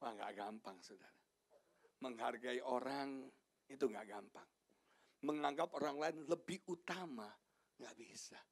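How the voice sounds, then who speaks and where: A middle-aged male pastor preaching an animated sermon, swinging from shouted lines to hushed asides and joking with the congregation. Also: medium pitch, unhurried, long pauses, breathy edge. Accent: Indonesian. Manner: jokes with the congregation, asks them questions. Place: church sanctuary.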